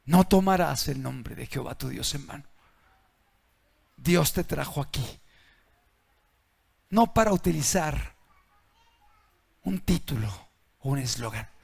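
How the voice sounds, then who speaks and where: A man preaching a sermon in a dramatic way, dropping to a hush and then shouting. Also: on the high side, expressive, takes it slowly, vocal fry, long pauses, slightly rough. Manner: dramatic, swings between hushed and shouting.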